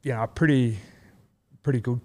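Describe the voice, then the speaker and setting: Speaking fairly quickly, a former rugby league player with an Australian accent from country New South Wales tells casual stories as a guest. His medium-pitched voice is warm and steady, and his talk rambles with frequent fillers and restarts.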